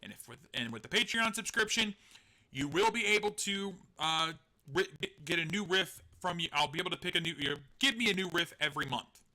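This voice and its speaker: Heard in a low-quality recording, a man hosts a live stream with a high, expressive, sharp-toned voice at a fairly quick pace. He rambles casually, jokes about himself, laughs frequently, and swears every so often.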